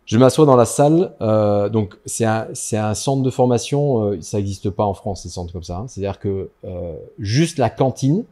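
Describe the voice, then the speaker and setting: Homme, voix grave, timbre chaud et doux, invité d'une interview décontractée, raconte avec entrain ses anecdotes. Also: male voice, lowish voice, normal speed, few pauses. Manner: lively anecdotal storyteller, addresses listener directly. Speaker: dentist guest. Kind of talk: casual interview storytelling.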